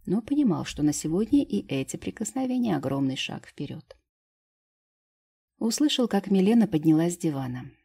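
A woman reading a first-person audiobook story with intimate, lively storytelling. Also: lowish voice, normal speed, creaky, breathy edge. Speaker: audiobook narrator.

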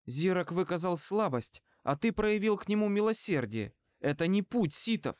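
A man voicing a cold, scheming young female dark-side student, speaking in a contemptuous, cutting way. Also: high voice, lively intonation, moderate pace, no echo, clean studio sound, pitched above the performer's own voice. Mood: scornful, cutting.

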